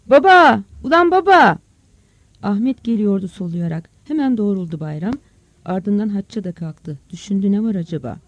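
A narrator reading a village story aloud as an audiobook in a steady storytelling manner. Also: mid-range voice, a little fast, no room sound. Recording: dull, dry close recording.

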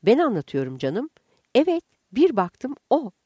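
A woman's voice: a little high, huge pitch swings, a little slow, warm tone, breathy edge, dry recording, pitched above the performer's own voice, full character voice. A woman voicing a self-assured lady who insists in a raised voice, in a dry recording. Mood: insistent. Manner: emphatic, raised. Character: insistent older lady, sure of herself.

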